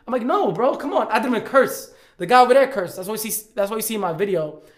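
A man, a podcast guest telling a story in casual chat, animated, stumbling and repeating words as he acts out what others said. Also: sits high, racing.

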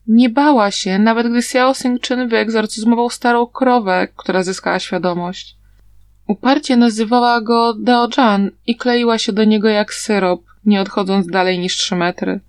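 A woman narrating a story aloud in an even, steady reading manner. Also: on the high side, normal speed, clean tone, dry recording. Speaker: audiobook narrator.

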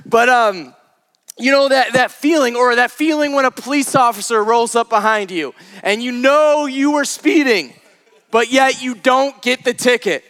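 A young man giving a sermon to a live church audience, telling animated, self-deprecating stories and laughing often. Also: extremely high pitch, normal speed. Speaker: pastor. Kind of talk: storytelling sermon.

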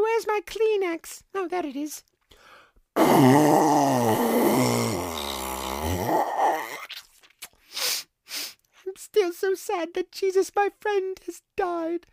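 A woman playing a high, weepy grieving woman. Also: huge pitch swings, very slow, gravelly, pauses often, darkish tone, dry recording, clean studio sound, heavily acted. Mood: tearful. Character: grieving woman, tearful and sad.

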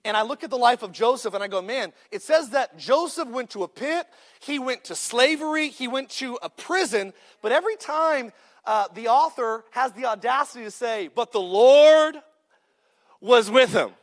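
A man in his thirties delivers a sermon in a very high voice. He is joking and punchy, and he calls out to the congregation. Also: animated, moderate pace. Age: 30s. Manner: joking, punchy preaching with call-outs to the crowd. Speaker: pastor.

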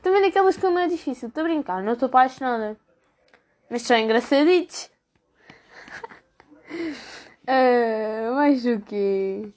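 A woman's voice: a little high, expressive, moderate pace, pauses often, a little mellow. A teenage girl with a European Portuguese accent, chatting casually and gossiping about her class in a slangy way. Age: teens. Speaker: student vlogger. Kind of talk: casual chat.

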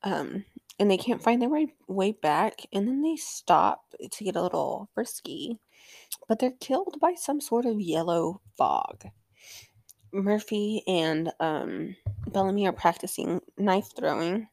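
A woman's voice: mid-range voice, expressive, unhurried, vocal fry, a little mellow, no echo. A young woman hosting a casual TV episode recap, chatting loosely with swearing and frequent ums. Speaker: recap show host.

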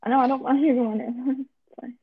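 A woman guesting on a casual podcast rambles in an earnest way. Her voice is slightly high and breathy. She sounds thin and tinny, like a phone line. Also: fairly even intonation, normal speed, no echo. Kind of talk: casual chat.

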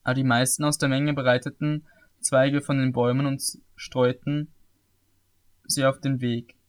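A man reading the Bible aloud in a steady, plain way, now and then stumbling and correcting himself. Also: mid-range voice, measured pace, clean tone. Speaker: scripture reader.

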